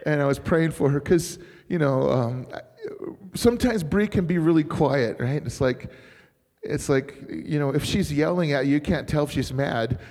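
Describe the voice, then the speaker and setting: A middle-aged male pastor with a gravelly, slightly raised voice preaches in a loose, storytelling way, rambling and chuckling as he goes. His voice rings with the long reverb of a church hall. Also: fairly high pitch, normal speed, darkish tone. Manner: rambling, chatty, laughs often. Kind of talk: informal sermon storytelling.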